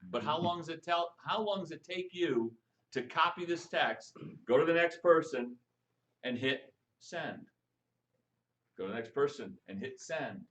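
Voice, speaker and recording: A man coaching a live audience on texting for network marketing, lively and jokey, firing questions at the room. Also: a little high, measured pace, rough recording. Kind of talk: live stream training talk to an audience.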